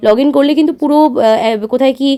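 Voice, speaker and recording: Bengali lady vlogger voice-over, high voice, talks fast, lots of "ah"s, explaining how to book. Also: dark tone. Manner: instructive, addresses viewers directly, many filler "ah"s. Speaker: travel vlogger. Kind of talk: voice-over explaining online booking.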